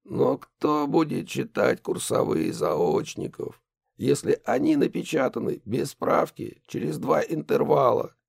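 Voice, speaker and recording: A man reading an audiobook, voicing a nervous, secretive middle-aged son who speaks in a resigned, hushed way. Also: medium pitch, sing-song, unhurried, creaky, slightly rough, no room sound, studio quality, voice pushed up, full character voice.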